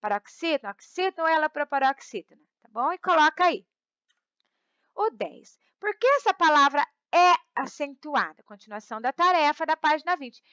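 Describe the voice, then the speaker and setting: High, bright-voiced Brazilian teacher. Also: female voice, animated, normal speed, no echo. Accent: Brazilian Portuguese. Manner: patient, repeats words and checks in with "tá?". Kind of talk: recorded remote class lesson. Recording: slightly dull, dry close recording.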